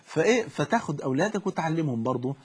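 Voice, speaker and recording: A man's voice: on the high side, lively intonation, very fast, slightly rough. A man with an Egyptian Arabic accent, a preacher giving fervent, fatherly religious advice on a call-in show. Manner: fervent, fatherly, keeps saying "my dear".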